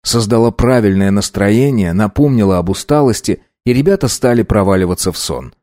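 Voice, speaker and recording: A man narrating an audiobook in a steady, even reading. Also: fairly low pitch, brisk, dry recording, studio quality.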